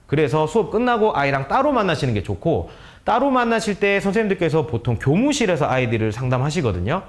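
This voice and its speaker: Quick, lively man giving teaching advice. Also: on the high side, a little hiss or hum. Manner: earnest, explanatory, acts out dialogues. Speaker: teacher, guest speaker.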